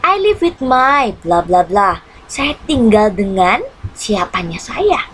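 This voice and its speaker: Woman, Indonesian accent, English teacher, online class over a computer mic, slow and deliberate, translates each line, hmm fillers, faint background hiss. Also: mid-range voice, very animated, fairly bright tone, low-quality recording. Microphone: computer mic on a screen-shared video lesson.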